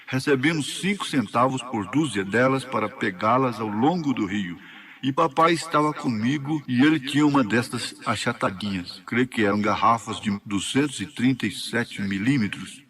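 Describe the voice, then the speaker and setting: A man's voice: mid-range voice, normal speed. Brazilian man interpreting a sermon. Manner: steady, faithful line-by-line translation.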